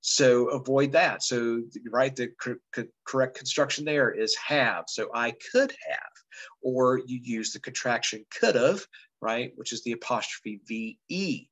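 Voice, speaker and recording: A man's voice: medium pitch, unhurried, fairly bright tone, rough recording. A man from West Virginia teaching a casual grammar lesson in a conversational, rambling way. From West Virginia, United States.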